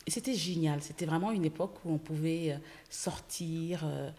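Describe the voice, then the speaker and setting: A woman from Senegal, a guest entrepreneur, telling stories in a casual interview, lively, with many fillers. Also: sits low, normal speed. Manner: lively storytelling with frequent fillers. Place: podcast studio.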